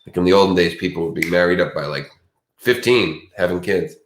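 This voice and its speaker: This co-host of a true crime stream has a low voice and talks a little fast, with a Boston accent from that area. Sleepy and casual, he rambles in a chatty, meandering way and frequently starts his sentences over. Slight background noise and a roomy echo are audible.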